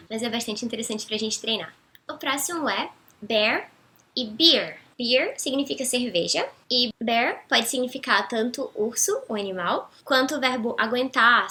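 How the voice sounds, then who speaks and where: Young woman, Brazilian Portuguese accent, English teacher, patient explainer, fairly high voice, bright tone. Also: slight background noise. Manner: clear, patient explaining, slows down for English examples. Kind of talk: explanatory language lesson.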